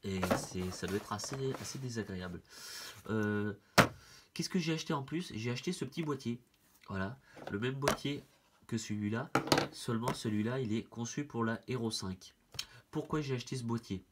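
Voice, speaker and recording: Over heavy background noise, a product reviewer with a stuffy head cold gives a casual, hands-on product demo. His voice is medium-pitched at a normal speed, and his delivery is hesitant and full of fillers.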